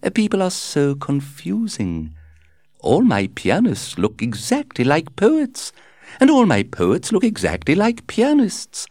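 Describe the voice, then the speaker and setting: A man's voice: fairly high pitch, huge pitch swings, a little slow, darkish tone, no echo, pitched above the performer's own voice, full character voice. A man voicing a flamboyant, gossiping society hostess in a theatrical, gushing way.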